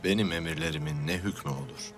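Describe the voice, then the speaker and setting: A man's voice: very deep voice, quick pace, faint music behind. A middle-aged man acting as a grave, bitter Ottoman grand vizier, speaking with weight and wry edge. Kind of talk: period television drama acting.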